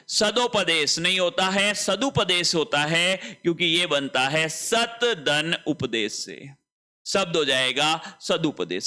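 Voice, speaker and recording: A man's voice: high voice, sharp tone. A male Hindi teacher giving an online spelling lesson, repeating each word and asking and answering his own questions.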